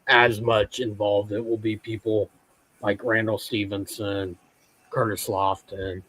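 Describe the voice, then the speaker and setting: A man's voice: on the low side, little pitch movement, measured pace, a bit bright, slight background noise, low-quality recording. A man on a sports show panel, explaining things casually and somewhat hesitantly.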